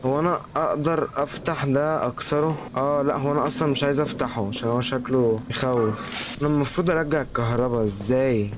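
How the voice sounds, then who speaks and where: A man's voice: medium pitch, fast talker, noisy background. A man with an Egyptian Arabic accent giving let's play commentary, jittery and scared and talking to himself. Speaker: gaming YouTuber. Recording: voice over loud game ambience.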